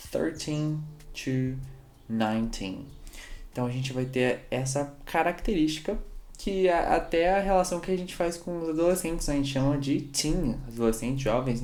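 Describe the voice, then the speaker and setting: A man's voice: mid-range voice, a little mellow. A young man giving a casual online English lesson, upbeat and drilling numbers for the viewer to repeat. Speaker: English teacher. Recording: echoey room with faint music.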